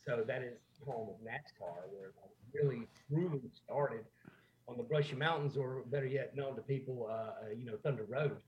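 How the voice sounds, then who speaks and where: A man's voice: medium pitch, moderate pace, muffled recording, a little hiss or hum. A man from North Carolina with a Southern accent, a musician guest chatting casually over a video call, rambling with lots of fillers. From North Carolina, USA. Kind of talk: casual chat.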